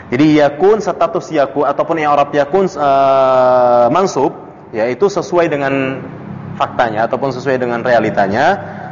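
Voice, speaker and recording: A man's voice: unhurried, a little hiss or hum. A man teaching a classical Arabic text to a study circle, quizzing students by name and chuckling between points. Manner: questions students by name, chuckles, animated pitch jumps. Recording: dull lo-fi audio in a reverberant room.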